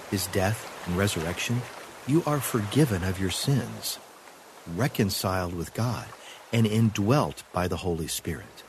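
Calm, meditative low-voiced man with lively intonation. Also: noisy background. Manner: calm, meditative, unhurried pauses. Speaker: devotional host leading prayer and meditation.

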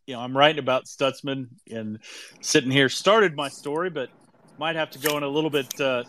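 A man, a sports writer, giving casual postgame football analysis in a measured, halting way with fillers. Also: medium pitch, a bit bright, no echo.

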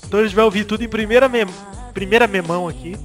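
A Brazilian podcast host with a notably high voice for a man, chatting casually and giggling as he talks. Soft music plays faintly behind him. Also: rapid-fire. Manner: giggling, breaks into laughter.

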